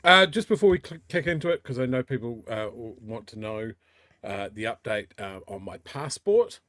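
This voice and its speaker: A man's voice: medium pitch, animated, moderate pace, fairly bright tone, dry recording, studio quality. A man with a broad New Zealand accent, co-hosting a talk show and telling personal anecdotes in casual chat.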